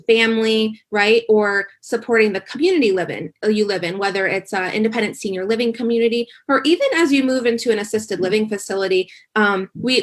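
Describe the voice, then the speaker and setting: A woman working as an occupational therapist, answering interview questions in an explanatory way with frequent fillers. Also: medium pitch. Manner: explanatory, many um fillers, fast bursts.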